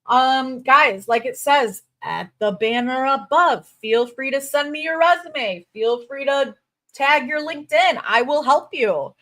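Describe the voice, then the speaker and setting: Hosting a livestream, a bubbly crypto recruiter from Chicago chats casually and reads out viewer comments. Her voice is high-pitched and a little bright, and she fills the talk with quick asides and fillers.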